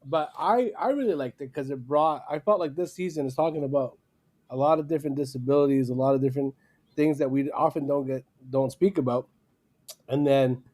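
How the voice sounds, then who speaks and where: Animated man with a mellow voice. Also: mid-range voice. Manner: animated, laughs often, acts out yelling at the screen. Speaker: podcast co-host. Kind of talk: casual podcast chat.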